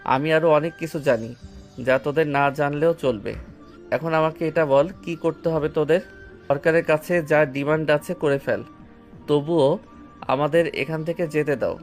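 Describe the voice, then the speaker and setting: Guy playing a cool teasing young hero, slightly high voice. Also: normal speed, faint music behind, close to an everyday voice. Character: calm, cheeky young male hero Akash.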